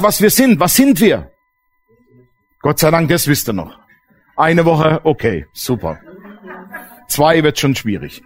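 A man preaching a sermon as pastor, emphatic and asking the congregation questions. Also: sits high.

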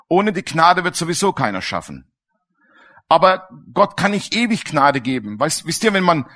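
A man's voice: fairly high pitch, pushed and bright. A man preaching a sermon in a colloquial, storytelling way, turning to his listeners with questions. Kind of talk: sermon with personal stories.

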